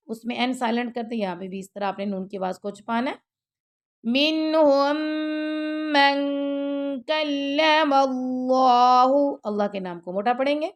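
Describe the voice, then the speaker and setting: A woman's voice: on the high side, darkish tone. Woman teaching Quran recitation. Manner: slow drawn-out chanted recitation alternating with quick spoken explanation. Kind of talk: tajweed recitation lesson.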